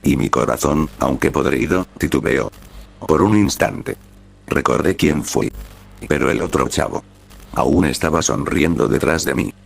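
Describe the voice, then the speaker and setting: A synthetic male text-to-speech voice narrating a horror story in flat, clipped sentences. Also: rumbling low, unhurried, gravelly, husky.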